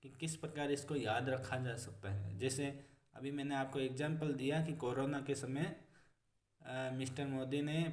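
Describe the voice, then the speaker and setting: A male teacher giving a vocabulary lesson, explaining each word slowly and repeating meanings, calling his students friends. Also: mid-range voice, distant mic. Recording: echoey room, voice off-mic.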